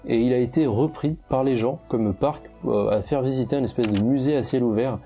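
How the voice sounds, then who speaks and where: A young man with a strong French accent tells his travel stories in a loose, chatty way, full of hesitations and restarts. His voice is very dark and mellow. Faint music plays under him. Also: mid-range voice, fairly quick. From France. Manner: chatty, many fillers and restarts. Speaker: travel photographer vlogger. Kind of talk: casual travel storytelling.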